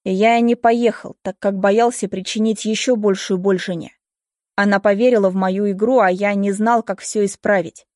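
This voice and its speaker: A woman reading a first-person story aloud in a steady, emotive way. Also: mid-range voice, normal speed, no room sound, studio quality. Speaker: audiobook reader. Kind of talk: scripted first-person narration.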